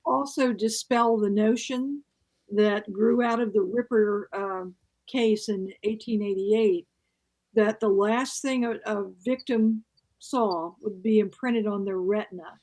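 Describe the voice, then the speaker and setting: A woman co-hosts a casual discussion. She asks careful, precise questions in a measured way. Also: mid-range voice, fairly even intonation, a little mellow, poor audio.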